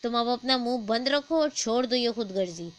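Woman voicing harried storybook mother of two, emphatic and pitched high, with a faint hum behind her. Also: fairly bright tone, lightly acted. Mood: angry. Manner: emphatic, raised dialogue voice. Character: harried adult mother of two young daughters. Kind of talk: storybook dialogue.

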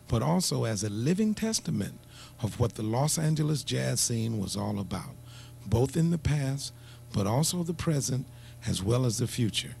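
A man reading scripted documentary narration at a steady pace. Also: mid-range voice, vocal fry, a little hiss or hum.

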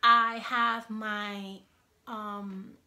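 Bright-voiced chatty Cuban-born woman vlogging. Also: medium pitch, very slow, dull audio. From Cuba. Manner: chatty, animated, talks with her hands. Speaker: YouTube vlogger. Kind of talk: casual Q&A vlog. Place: home kitchen, indoors, small room. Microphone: iPhone on a selfie stand.

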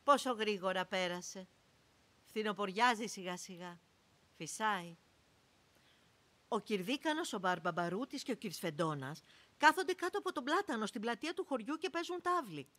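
Expressive woman storyteller. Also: mid-range voice. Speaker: narrator. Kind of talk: storytelling narration for children.

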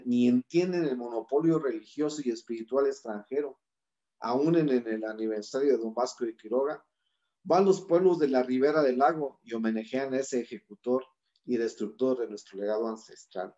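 A man's voice: mid-range voice, moderate pace, mellow, muffled recording. A man giving an impassioned public talk with a Mexican Spanish accent, building his points through rhythmic repeated lists. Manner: rhetorical, listing in rhythmic repetitions. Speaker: speaker at a community forum.

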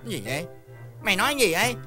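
A man's voice: sits high, sing-song, fast, bright, forceful tone, heavily acted. An actor playing an exasperated older village fortune-teller and father in a comedy sketch. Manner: exasperated, theatrical sighing and laughing. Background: background music.

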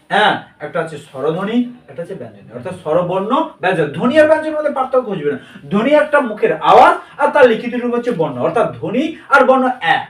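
A man's voice: high voice, fairly bright tone. A male teacher giving a grammar lesson to a class. He drills the students with call-and-response questions and repeats their answers back. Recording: echoey room, mic far off.

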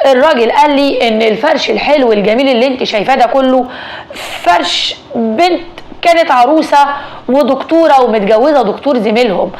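A woman doing a calm Egyptian husband. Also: high voice, close to an everyday voice. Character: worried husband, calm and practical. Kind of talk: storytelling dialogue.

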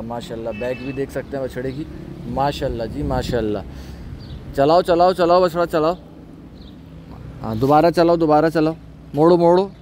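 पशु फार्म पर ऊँची आवाज़ वाला आदमी. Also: male voice, a little high, darkish tone, slight background noise. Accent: Karachi Urdu. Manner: keeps saying mashallah, calls out orders to handlers. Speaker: cattle market vlogger. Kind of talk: off-camera commentary showing livestock. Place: outdoor cattle farm yard.

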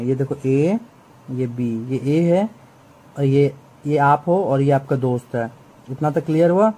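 A man's voice: fairly high pitch, mellow, poor audio. A man teaching a chatty exam-prep biology lesson, often repeating points and checking that students follow. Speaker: biology tutor.

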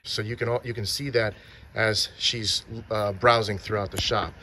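A man with a lowish, bright voice narrates in a flat yet forceful way at normal speed while touring filming locations with his phone. Outdoors and at shop windows in a small town, he chats, points things out, and keeps restarting.

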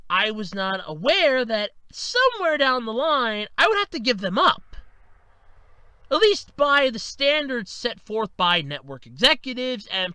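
A man in his thirties giving a casual opinion monologue, swinging between loud outbursts and low mutters. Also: no room sound. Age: 30s. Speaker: video commentator.

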